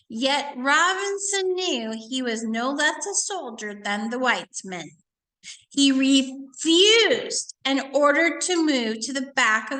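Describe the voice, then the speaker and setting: A woman teacher with a high, sharp voice reads aloud to children as a lesson, pausing to ask questions and explain things in a didactic way. The recording is rough.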